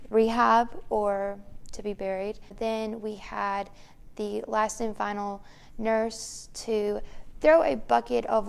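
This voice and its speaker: A woman's voice: medium pitch, creaky, clear, resonant tone. A woman co-hosting a vlog, telling a story casually and matter-of-factly in a room of an old house. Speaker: vlog co-host. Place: room inside an old mansion.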